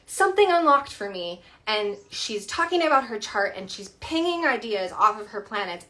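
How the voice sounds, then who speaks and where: A young woman talking casually into her phone on a live stream, her voice bright and forward. She rambles a little, leans on fillers, and sounds earnest and slightly defensive as she explains her view. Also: mid-range voice. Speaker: astrologer hosting a live stream.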